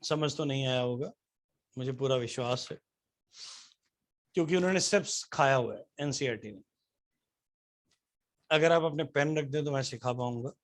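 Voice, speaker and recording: A man teaching chemistry to a class. He keeps asking the students questions and answers them himself, and he spells out formulas letter by letter. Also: a little high. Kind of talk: classroom lecture.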